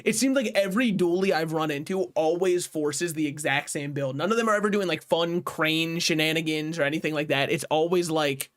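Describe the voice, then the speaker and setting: A man's voice: a little high, a little fast, hardly any pauses, fairly bright tone. Chatty, cussing game streamer man. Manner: chatty, swears, laughs at himself. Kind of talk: casual game commentary. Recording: faint music behind.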